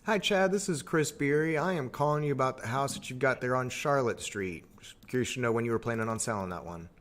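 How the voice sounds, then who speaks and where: Fast-talking, upbeat male real estate agent. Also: medium pitch, fairly bright tone, slight background noise. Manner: friendly, upbeat phone manner. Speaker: real estate agent making cold calls. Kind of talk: live phone prospecting.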